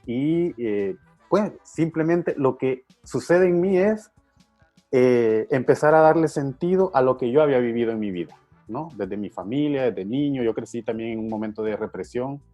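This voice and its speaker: A man's voice: medium pitch, expressive, normal speed, mellow, faint music behind. A middle-aged man from Honduras who works with men's groups, talking reflectively with frequent fillers and repeated words. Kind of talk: reflective conversation.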